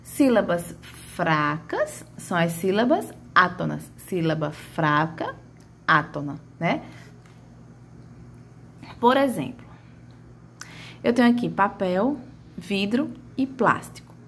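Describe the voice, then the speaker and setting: A woman's voice: lowish voice, very animated, takes it slowly, pauses often, slight background noise. A woman teaching a grammar lesson, stretching out and calling out example words as she explains.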